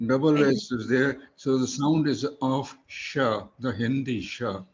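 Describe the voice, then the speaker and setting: A man's voice: mid-range voice, a little slow, highs cut off, slight background noise. A man teaching English pronunciation one-on-one, patiently spelling words out letter by letter. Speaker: English tutor.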